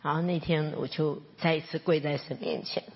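A woman's voice: low-pitched, normal speed, breathy edge. Earnest woman preaching in a hall. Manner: earnest, emotional, swings from soft to excited. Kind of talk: sermon. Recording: reverberant hall, dull lo-fi sound.

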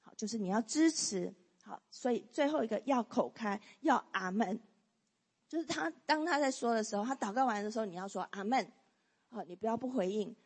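Briskly, a woman with a slightly rough, highish voice walks a church group through a lesson on prayer and leads their reading. "好" and "哈" crop up often, echoing in long hall reverb.

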